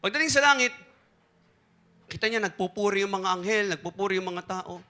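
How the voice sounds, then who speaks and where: A Filipino-accented man preaches, his high voice carrying a sharp, forceful brightness. He tells stories with animation and slips between Tagalog and English. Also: expressive, brisk. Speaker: pastor. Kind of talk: sermon with a told joke.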